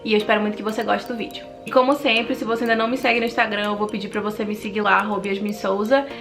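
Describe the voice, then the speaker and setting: Young woman, twenties, Manaus accent, talkative, personal vlog storytelling, mid-pitched voice. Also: racing, music in the background. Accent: Brazilian Portuguese from Manaus. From Manaus, Brazil. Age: 20s. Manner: talkative and animated. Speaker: vlogger.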